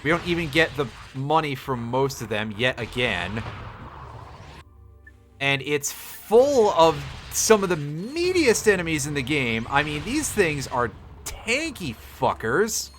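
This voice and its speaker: A man's voice: a little high, sing-song, slow, fairly bright tone, soft background music. A man giving casual live gameplay commentary as a streamer, with sardonic, sweary grumbling. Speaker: video game streamer.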